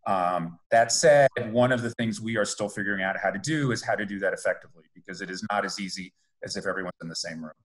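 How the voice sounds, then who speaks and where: A man speaking as a law professor, answering students informally in a deliberate, emphatic manner. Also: on the low side, rough recording.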